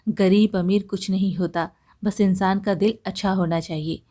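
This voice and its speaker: A woman's voice: mid-range voice, steady tone, moderate pace, dark tone, natural voice. A woman voicing a cheeky, chatty male parrot with a teasing manner.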